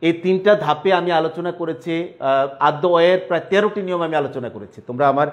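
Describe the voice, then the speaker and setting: Man, teacher, grammar lecture, slightly high voice, explanatory. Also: quick pace, lo-fi sound. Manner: explanatory, asks "clear?" to check understanding. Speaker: college Bengali teacher.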